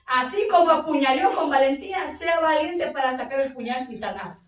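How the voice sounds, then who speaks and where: A woman pastor preaches with fervor, her high voice rising into tearful outcries. She sounds distant from the microphone. Her voice rings through a roomy church hall. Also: moderate pace. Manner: fervent, rising to tearful cries. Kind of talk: impassioned sermon.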